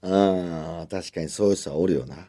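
A man with a Kansai accent, telling stories in relaxed casual chat as a radio show co-host. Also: deep voice, normal speed.

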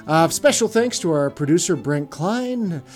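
A man's voice: fairly high pitch, lively intonation, a little slow, faint music behind. A man co-hosting a podcast, talking earnestly in casual chat with many restarts. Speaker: podcast co-host.

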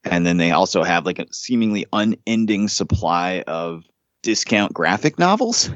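Profane, deep-voiced New man. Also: moderate pace, dry recording, dull audio. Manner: profane, animated storytelling. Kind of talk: casual chat.

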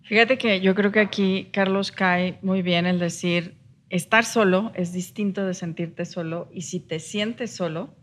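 A woman talks at a middle pitch in a casual podcast. She explains her ideas reflectively and often checks in with the listener. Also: fairly even intonation, unhurried. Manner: reflective, explains with rhetorical tags.

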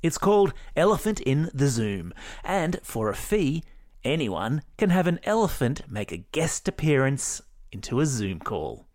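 A man's voice: medium pitch, big pitch swings, a little slow, a little mellow, no room sound, clean studio sound. An Australian man hosting a kids' news podcast, reading scripted stories in an upbeat, playful way with jokey asides.

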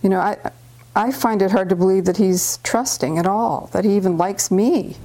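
A woman's voice: mid-range voice, moderate pace, dark tone. A woman talking casually and affectionately as an interviewee. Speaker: interviewee, dog adopter.

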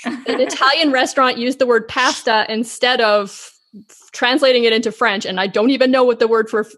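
A woman's voice: on the high side, fairly even intonation, fairly quick, fairly bright tone, poor audio. Chatty Canadian woman podcast host. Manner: chatty, laughs often, self-correcting. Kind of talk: casual podcast chat.

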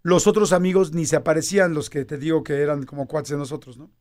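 A Mexican man in his fifties telling a personal story in casual conversation, animated and acting out quoted dialogue. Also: on the high side, fast talker.

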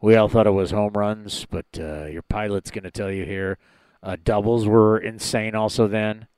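A man putting on the voice of a male airline pilot giving a cabin announcement, slow and full of drawn-out "uh" pauses. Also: fairly low pitch, fairly even intonation, darkish tone, clean tone, no echo, pitched below the performer's own voice, lightly acted. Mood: deadpan announcing. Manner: slow, drawling announcer delivery with long "uh" pauses. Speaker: sports radio host. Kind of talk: comic bit in casual sports chat.

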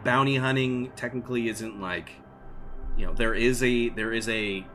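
A man's voice: medium pitch, fairly even intonation, moderate pace, fairly bright tone. A man running a tabletop role-playing game as game master, explaining results in a loose, rambling way full of fillers. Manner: rambling, many fillers like "like" and "you know". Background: background music.

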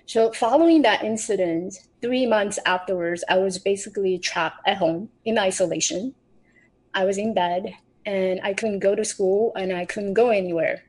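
A woman's voice: medium pitch, normal speed, darkish tone, rough recording. Woman from Taiwan telling her story. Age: middle-aged. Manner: earnest, recounting with restarts. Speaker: podcast guest. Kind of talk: personal storytelling.

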